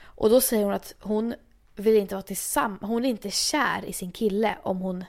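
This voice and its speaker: A woman's voice: medium pitch, vocal fry, a little mellow. A young woman in casual chat, rambling with lots of fillers. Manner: chatty, rambling, filler-heavy. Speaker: podcast co-host.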